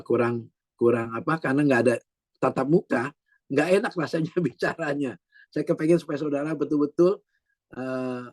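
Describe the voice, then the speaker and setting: A man's voice: a little high, darkish tone, no room sound. A man in his sixties preaching a sermon as a pastor, telling his own prayer testimony earnestly and often calling the listeners "my brothers and sisters". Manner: earnest, repeats "saudaraku", acts out quoted voices.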